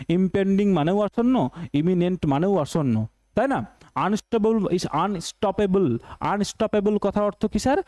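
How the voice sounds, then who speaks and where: High-voiced man drilling vocabulary. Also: warm tone, dry recording. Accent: Bengali. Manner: repeats each question and answer as a drill, addressing students as "sir". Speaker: English teacher for exam preparation. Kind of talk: online exam-prep lesson, call-and-response drilling.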